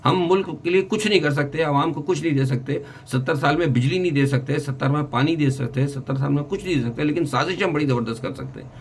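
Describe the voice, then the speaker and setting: A man's voice: on the high side, gravelly, hardly any pauses, slight background noise. A man hosting his own channel, giving unscripted, rambling political commentary with many restarts and English words mixed in.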